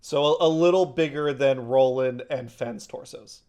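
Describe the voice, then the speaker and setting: A man's voice: medium pitch, moderate pace, darkish tone. A man narrating a tabletop role-playing game as game master, improvising and chatting casually.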